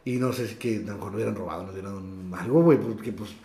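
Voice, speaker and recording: A young man with a northern Mexican accent telling a story in casual, slang-heavy chat, often trailing off quietly at the ends of lines. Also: fairly low pitch, rapid-fire, gravelly. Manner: slangy, drops "güey" constantly, trails off quietly. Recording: echoey room.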